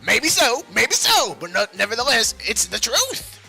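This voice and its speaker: A man voicing a manic, brash female serial killer with a put-on New York accent, loud and over the top. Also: very high voice, wildly swooping pitch, a little slow, creaky, soft background music, pitched above the performer's own voice, full character voice. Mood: smug. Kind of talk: amateur fan dub of a game.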